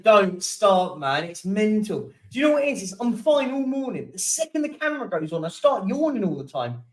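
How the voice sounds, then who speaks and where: Yawning now and then and saying sorry for it, a young streamer chats casually and reads out comments from his viewers. His voice sits high, captured on a distant mic in poor recording quality.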